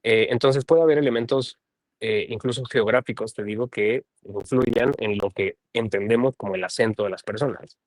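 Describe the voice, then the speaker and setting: A Mexican man with a lowish voice talks as a guest in a casual conversation. He thinks aloud, qualifies his ideas and often tags his sentences with a soft question. The sound is dry and close. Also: normal speed, no echo. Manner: thoughtful, hedging, often adds a questioning tag. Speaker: translator and guest.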